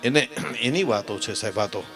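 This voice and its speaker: A man's voice: fairly low pitch, lively intonation, fairly quick, fairly bright tone. A man with a Kathiawadi Gujarati accent, performing live dayro storytelling with humor, speaking emphatically and calling the audience "saheb" as he goes. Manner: rhythmic declamation of rhyming lists. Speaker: folk stage storyteller and humorist. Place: live stage program at a temple event. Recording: live PA sound with long hall reverb and faint music.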